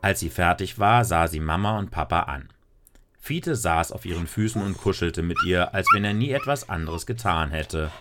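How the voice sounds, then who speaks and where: A man narrating a children's story in a lively, expressive way. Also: sits low, normal speed, over music. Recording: noisy recording with clicks.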